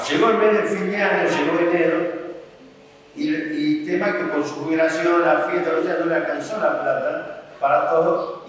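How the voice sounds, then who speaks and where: A man's voice: a little high, a bit bright. A man with an Argentine accent preaching a sermon as a pastor, telling a story in a conversational way with emphatic asides and frequent restarts. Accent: Argentine Spanish. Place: large hall at a church camp. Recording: echoey hall from far off, faint ambience.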